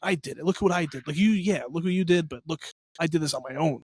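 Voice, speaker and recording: A man with a New Jersey accent talks quickly and earnestly in a casual faith chat, his thoughts tumbling out in rambling runs. His voice sits a little high for a man. The recording is dry and close, with no room sound. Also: a little mellow, breathy edge, dry recording. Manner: earnest, rambling, many fillers. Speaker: podcast host.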